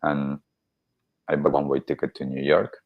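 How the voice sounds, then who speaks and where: A man born in Argentina with an extremely deep, very even voice speaks in a halting way, restarting his sentences often. The audio is dry and a little dull, as from a remote call. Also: no echo. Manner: halting, with many restarts and fillers. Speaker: podcast guest, wellbeing coach. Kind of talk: casual interview talk.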